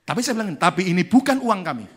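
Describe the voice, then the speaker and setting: A man's voice: sits high, quick pace. A male pastor preaching a sermon, telling a story and acting out the people in it. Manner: lively storyteller who acts out the people in his story. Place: church.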